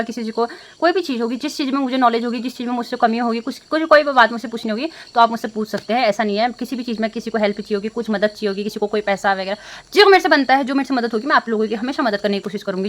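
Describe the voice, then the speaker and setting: A young woman vlogger talking to her phone camera in a casual, upset way, rambling with many fillers and restarts. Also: on the high side. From India. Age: young adult. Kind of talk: casual emotional vlog talk to camera.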